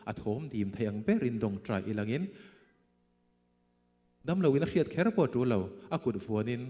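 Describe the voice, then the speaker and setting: A man preaching a sermon, emphatic, swinging between loud bursts and quiet asides. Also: medium pitch, lively intonation, moderate pace, in a large hall.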